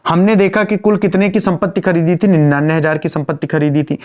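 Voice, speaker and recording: A man teaching accounts to students online, his voice sitting somewhat high for a man. He calls them "beta" and chides them with patience. He hammers each point home by asking it again and again, and he drags out the entries as he writes them on the board. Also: little pitch movement, a little mellow. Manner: repeats key phrases, quizzes students with questions; drawls slowly while writing entries. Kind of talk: online classroom lecture.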